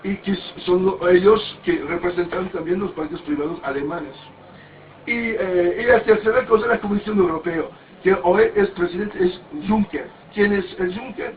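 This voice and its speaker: A man in his fifties with a fairly high voice speaks at a moderate pace at a parody mass, delivering a rambling, anecdotal, sermon-like talk full of restarts and crude language. The recording sounds distant and tinny, with faint background noise.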